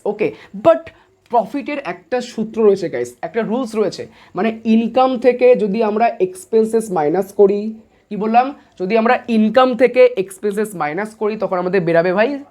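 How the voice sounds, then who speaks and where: This online commerce teacher has a voice that sits high and sounds a little mellow. He keeps things casual and chatty, addressing students as guys and brother, throwing out quiz questions, and going over each point again before supplying the answer himself.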